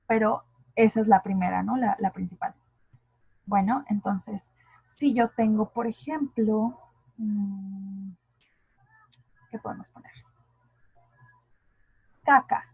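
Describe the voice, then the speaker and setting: Mexican woman teaching linguistics, kinda husky, asks the class stuff, sounds like a phone call, dry. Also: medium pitch, steady tone, slow, long pauses, no room sound. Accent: Mexican Spanish. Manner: explanatory, asks the class rhetorical questions. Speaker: linguistics tutor. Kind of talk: online lecture.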